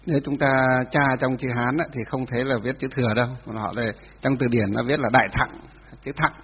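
A man teaching a class on Buddhist doctrine, dictating slowly, repeating each phrase for note-taking and asking his students questions. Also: medium pitch, steady tone, breathy edge. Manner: asks students rhetorical questions. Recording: dull lo-fi sound with long hall reverb.

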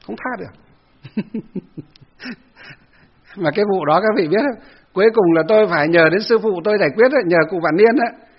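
A Buddhist monk tells a story in a lively dharma talk and acts out the voices of other people. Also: male voice, sits high, a little fast, pauses often, slightly rough. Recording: dull lo-fi recording.

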